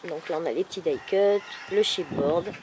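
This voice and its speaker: A woman with a thick, swollen-tonsils sore-throat voice, speaking softly and casually as she presents a craft project. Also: fairly low pitch, moderate pace. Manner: soft-spoken, holding back volume. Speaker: craft video maker presenting an album. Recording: clearly noisy background ambience.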